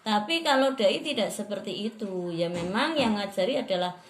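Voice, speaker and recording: Woman lecturer, lively teaching voice, mid pitch, roomy echo. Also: normal speed, a little hiss or hum. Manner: lively, models speech intonation aloud. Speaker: lecturer in rhetoric. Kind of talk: classroom lecture.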